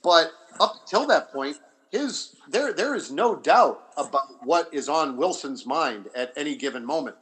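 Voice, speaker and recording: A man with a voice on the high side, expressive and a bit bright, speaks off the cuff as a history scholar on a panel. He explains deliberately, with halting restarts and repeated phrases, and the recording quality is low.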